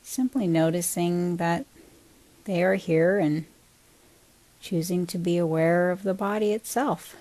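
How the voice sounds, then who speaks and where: Here a woman guides a body scan meditation in the role of teacher. Her voice is on the low side, and her manner is calm and gentle, with unhurried pauses between short phrases.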